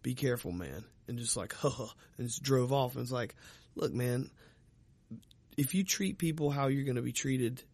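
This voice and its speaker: Gravelly man rambling with heavy swearing. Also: medium pitch, steady tone, moderate pace, a little mellow, no room sound. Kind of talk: profane casual chat.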